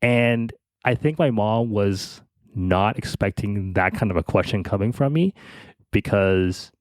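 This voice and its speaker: Male podcast co-host, low pitch, thoughtful and halting, dry studio sound. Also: expressive, dry recording. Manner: halting, many restarts, soft laughs. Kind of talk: reflective personal storytelling.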